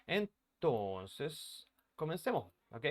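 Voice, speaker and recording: Teaching English live over a video call from his bedroom office, this man speaks very slowly in a slightly high, very animated voice. He keeps things casual and greets each student by name, picked up by his computer microphone.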